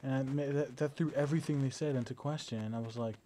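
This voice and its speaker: Speaking quickly at medium pitch, a young video diarist lies down at home and films a casual diary on a battery-powered camera. A faint hiss or hum sits under his relaxed but hesitant talk, which is full of fillers and restarts.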